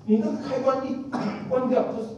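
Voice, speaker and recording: A man's voice: very high voice, steady tone, a little fast, warm tone, muffled recording. A man preaching a sermon in a folksy way, asking the listeners questions and repeating his phrases. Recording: echoey room from a distant mic.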